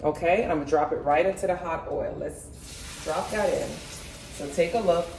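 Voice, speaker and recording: Cooking in her home kitchen, a woman hosts a casual, chatty demo for her channel, explaining every step and speaking to viewers as "guys." Her low-pitched voice is creaky and a little mellow at a moderate pace. The sound is noisy and echoey, with the mic placed far off.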